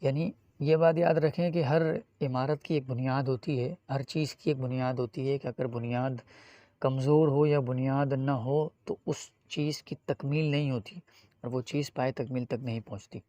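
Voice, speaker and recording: Male Quran reading teacher, online lesson, dry close sound, long drawn-out recitation. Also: mid-range voice, fairly even intonation, dark tone, no echo, lo-fi sound. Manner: addresses viewers directly.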